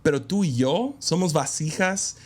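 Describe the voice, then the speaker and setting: Interviewed conversationally, a preacher who is also a pastor's son speaks reflectively and candidly, full of hesitant fillers. His voice is a little high and husky, with lively intonation and a slightly slow delivery.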